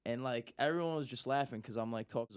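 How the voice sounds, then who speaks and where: A man's voice: mid-range voice, fast talker, smooth. A young man telling a story in casual talk, acting out what people said. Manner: animated, acts out quotes. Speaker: guest.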